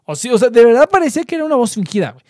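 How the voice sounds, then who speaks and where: A man's voice: very high voice, very fast, no room sound, clean studio sound. A young man with a Mexican accent chatting casually and jokily with friends online, full of slang. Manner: slangy, animated, playful with his voice.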